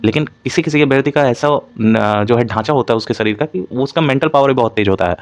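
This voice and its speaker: A coaching instructor talks fast in a mid-range voice during an informal analytical lecture. His Hindi is mixed with frequent English terms, and he repeats points along the way.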